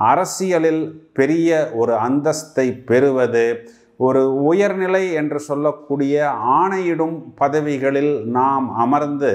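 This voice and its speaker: A man with a Tamil accent, talking through a monthly horoscope at an unhurried, deliberate pace. His voice sits at a middle pitch, and he walks through the planetary movements calmly and methodically. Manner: slow, measured explanatory delivery. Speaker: astrologer.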